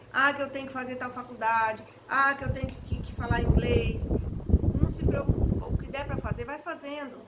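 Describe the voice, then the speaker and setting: Higher-pitched Brazilian woman, earnest devotional talk. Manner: earnest, exhorting, emphatic. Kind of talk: informal devotional reflection, preaching to camera. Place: at home, indoors. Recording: noisy home recording with fan hum. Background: electric fan noise.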